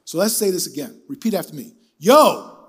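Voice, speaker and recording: Husky, animated older male preacher. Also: a little high, fast talker. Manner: animated, emphatic preaching with call-and-response. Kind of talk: sermon.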